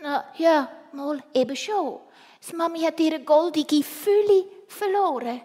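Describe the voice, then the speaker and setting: A woman's voice: high-pitched, unhurried, a little mellow, long reverb tail, pitched above the performer's own voice. A woman doing an anxious boy mouse. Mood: worried. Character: worried young boy mouse.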